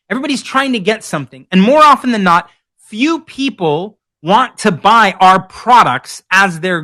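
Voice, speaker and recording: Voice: mid-range voice, bright, forceful tone. A conference speaker telling a vivid second-person story, acting out quotes and repeating phrases for emphasis. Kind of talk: storytelling keynote talk.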